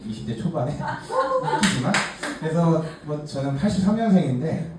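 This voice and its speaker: His fairly high voice swoops wildly in pitch at a normal speed as he narrates his own life to a group. The speaker, a case presenter at a workshop, is a man in his forties from Gangneung, Gangwon Province, South Korea, chatty and self-mocking with lots of fillers. Captured on a distant mic in an echoey room, with a faint hiss.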